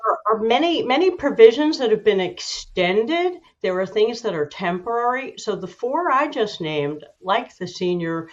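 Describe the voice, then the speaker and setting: A woman giving measured, informative, slightly halting explanations as an expert guest in a broadcast interview. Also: medium pitch, sing-song, highs cut off.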